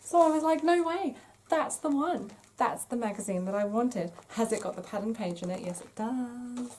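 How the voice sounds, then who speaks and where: On her craft podcast, a woman chats casually and gushes enthusiastically as she shows off her finds, including craft magazines. Her fairly high voice is animated and darkish in tone, moving at a moderate pace.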